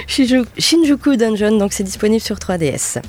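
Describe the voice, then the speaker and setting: Woman radio host, mellow tone, chatty and giggly, lots of "euh". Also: fairly high pitch, expressive, normal speed, a little hiss or hum. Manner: chatty, laughs often, many fillers. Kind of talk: casual radio chat. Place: radio studio.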